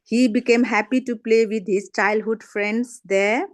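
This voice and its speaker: Woman, middle-aged, Nepali accent, fairly high voice, dry sound, prepared talk, measured with "uh" pauses, video call. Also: steady tone, no room sound. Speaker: guest speaker, parent. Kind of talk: prepared talk read aloud.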